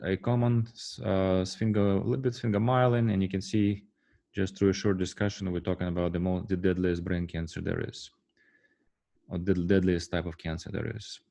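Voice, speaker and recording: Man, university lecture, low voice, mellow tone, halting with ums and restarts, frequent "right?" checks. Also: little pitch movement, gravelly. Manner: halting, many fillers and restarts; asks the class rhetorical "right?" checks. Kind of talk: classroom lecture.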